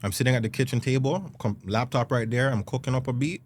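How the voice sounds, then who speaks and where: A man telling a story in casual chat, lively and acting out quotes, with slang and swearing. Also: medium pitch, quick pace. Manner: animated, acts out quotes, swears freely. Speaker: guest musician. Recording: faint background noise.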